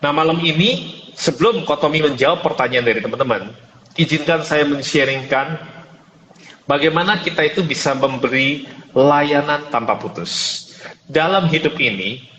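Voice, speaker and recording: A man's voice: a little high, fairly bright tone. Man in a heavy cathedral echo. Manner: greets joiners by name, earnest and preachy. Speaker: host and business mentor. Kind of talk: motivational online mentoring talk. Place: closed room. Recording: echoey hall with long reverb, faint hiss.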